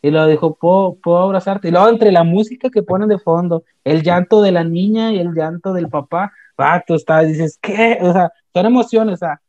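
A young man with a Mexican accent, casually retelling an anime plot in a slangy, animated way with many restarts. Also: sits high, fairly quick, hardly any pauses, no echo. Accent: Mexican Spanish. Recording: dull, slightly lo-fi dry sound.

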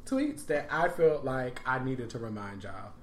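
A man's voice: mid-range voice, lively intonation, a little slow, reverberant, a little hiss or hum. A man co-hosting a podcast in casual chat, blunt and heavily profane with a loose drawl. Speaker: podcast co-host.

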